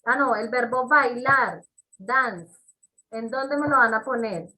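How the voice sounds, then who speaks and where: A woman's voice: on the high side, takes it slowly, bright, forceful tone, low-quality recording. A woman teaching an English class on a video call, explaining step by step and checking in with her students. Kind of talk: online class instruction.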